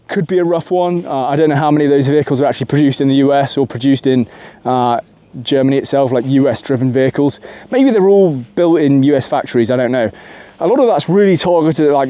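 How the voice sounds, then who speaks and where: A man's voice: medium pitch, a little mellow, no echo. A man giving a rambling, casual political opinion monologue from his car, full of fillers and asides. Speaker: political commentary vlogger.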